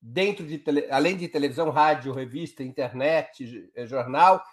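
Homem brasileiro, análise política ao vivo, enfático, argumenta passo a passo. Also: male voice, a little high, normal speed. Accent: Brazilian Portuguese. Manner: explanatory, emphatic, builds arguments step by step. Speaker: political commentator guest. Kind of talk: live political analysis.

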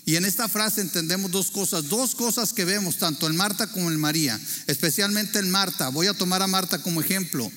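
Mexican-accented man, preacher, high voice, earnest questions to the congregation, reverberant church hall. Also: a little fast, hardly any pauses, sharp tone, faint music behind. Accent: Mexican Spanish. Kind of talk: sermon.

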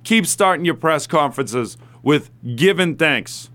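A man with a somewhat higher-than-average voice works as a sports radio talk show host. He speaks conversationally and offers his opinions straight to the listener, as if chatting one to one. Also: expressive, measured pace, fairly bright tone. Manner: conversational, opinionated, addresses listeners and athletes directly.

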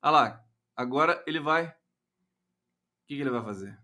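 A man hosting a live stream, giving teasing, animated political commentary. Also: medium pitch, moderate pace.

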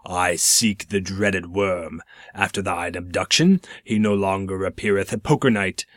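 A man's voice: sits low, unhurried, fairly bright tone, dry recording, studio quality. A man voicing an old-fashioned knight who speaks in formal, archaic words. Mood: declaiming. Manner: archaic, declamatory speech.

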